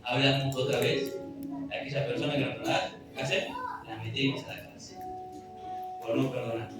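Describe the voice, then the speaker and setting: Preacher in echoing hall. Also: male voice, mid-range voice, steady tone, brisk. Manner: earnest, pleading, reads scripture aloud. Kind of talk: sermon with scripture reading. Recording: echoey room, distant mic, music behind.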